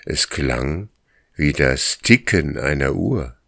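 A man reading a story aloud as narrator, in a slow, measured storytelling manner. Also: a bass voice, expressive, vocal fry, a bit bright, no echo, studio quality. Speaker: audiobook narrator. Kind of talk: scripted narration.

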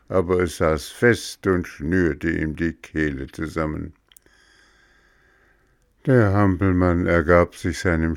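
Deep, slow storybook narrator man. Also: no echo, studio quality. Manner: measured, old-fashioned storytelling. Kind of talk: storybook reading aloud.

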